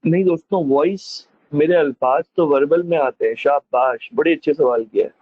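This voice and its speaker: A male teacher gives a classroom lecture, calling students friends, mixing in English phrases and demonstrating with lively emphasis. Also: on the high side, normal speed, no echo. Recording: dull lo-fi dry recording.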